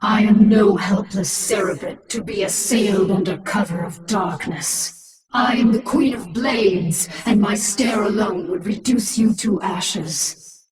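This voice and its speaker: A woman's voice: mid-range voice, a little slow, echoey room, recorded from a distance, music in the background, close to an everyday voice, poor audio. A woman voicing a haughty, menacing alien-infested warrior queen in a video game, imperious and taunting with theatrical delivery. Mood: haughty menace. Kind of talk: dramatic video game voice acting.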